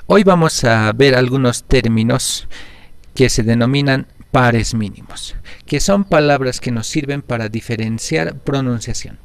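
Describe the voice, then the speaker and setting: Slow, gravelly man teaching. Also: mid-range voice. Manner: slow, careful, repeats words for learners. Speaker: Aymara language teacher. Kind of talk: pronunciation lesson.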